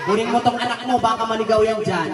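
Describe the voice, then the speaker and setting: A woman hosting a birthday party game, playfully calling out loud commands to the players. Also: fairly high pitch, steady tone, quick pace, music in the background. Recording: echoey room, far from the mic. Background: noisy crowd of guests.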